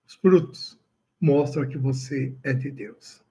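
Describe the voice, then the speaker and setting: A man's voice: medium pitch, takes it slowly, warm tone, low-quality recording. A man, a pastor preaching a sermon on a livestream and asking his listeners questions.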